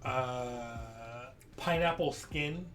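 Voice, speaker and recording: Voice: medium pitch, very slow, fairly bright tone. A young adult who jokes and laughs while describing a beer's smell. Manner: joking, laughing. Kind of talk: casual chat.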